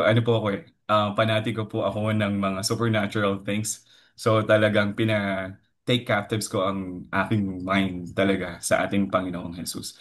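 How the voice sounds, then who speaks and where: A man in his thirties from the Philippines shares a devotional testimony in a deep, low baritone. He speaks earnestly and politely, pausing often on fillers as he recalls his story. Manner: earnest, mixes English into his talk, frequent fillers and "po". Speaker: lay preacher giving a testimony.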